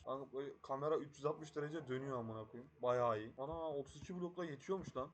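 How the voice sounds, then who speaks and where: A young man with a Turkish accent, giving profane, excitable commentary over his own gameplay and shouting when frustrated. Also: fairly high pitch. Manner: swears constantly, shouts in frustration. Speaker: gaming YouTuber.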